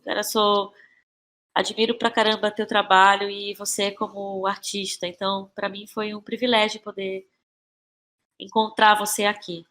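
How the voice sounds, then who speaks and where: A Brazilian woman, a playwright and actress, appears as a podcast guest with a Brazilian Portuguese accent. Her medium-pitched voice is level and slightly bright, moving at normal speed. She talks casually and reflectively, often repeating phrases while searching for words.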